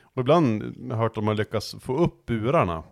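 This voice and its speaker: A man's voice: mid-range voice, expressive, vocal fry. A man in casual podcast chat, making blunt, crude remarks.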